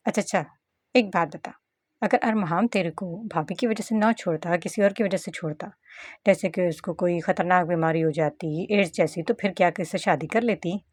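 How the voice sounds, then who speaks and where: A woman's voice: fairly low pitch, moderate pace, a little mellow, breathy edge, no echo, studio quality. A woman voicing a brash young gangster husband who talks in mocking street slang. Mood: probing.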